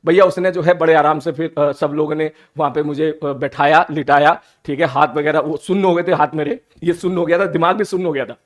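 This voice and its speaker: A man tells his class a story. He speaks in an animated, teasing way and drops English phrases into his talk. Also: a little high, a little fast, hardly any pauses. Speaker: teacher. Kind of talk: storytelling anecdote to students.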